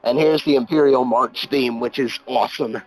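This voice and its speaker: A man's voice: medium pitch, moderate pace, rough recording. A man giving casual gameplay commentary as a let's play host, blunt and profane, rambling through his opinions.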